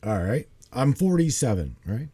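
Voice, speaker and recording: A man in his forties hosts a casual livestream in a mellow, warm voice. He talks animatedly and emphatically. He repeats himself and keeps checking in with his listener. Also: mid-range voice, very animated, moderate pace, husky. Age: 40s. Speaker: host.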